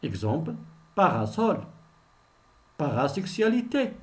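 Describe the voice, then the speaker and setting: A man leads a slow pronunciation drill for learners, spelling out each example word and repeating it. His voice sits a little high for a man and swings widely in pitch. He takes his time, so every word stands apart. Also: very animated. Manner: repeats each word twice, explains meanings simply. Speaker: teacher.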